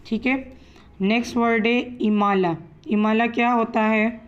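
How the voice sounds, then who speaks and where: A woman teaching Quran recitation rules, slowly spelling out letters and vowel marks before reading each word. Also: fairly high pitch, fairly even intonation, highs cut off. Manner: slow, drawn-out letter-by-letter recitation. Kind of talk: patient step-by-step lesson, spelling out letters.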